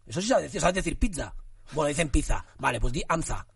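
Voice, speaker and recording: A young man with a gravelly voice pitched somewhat high, teasing and joking in a relaxed podcast chat. He sits a little back from the microphone. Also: quick pace, no echo, clean studio sound, recorded from a distance.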